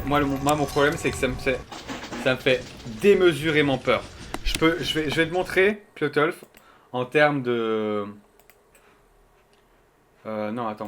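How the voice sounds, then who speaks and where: A young man casually talking to his chat while he plays a game. He is excitable, chatty and full of fillers, and he swears often. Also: medium pitch, a little hiss or hum. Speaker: streamer. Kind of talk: casual gameplay commentary to chat.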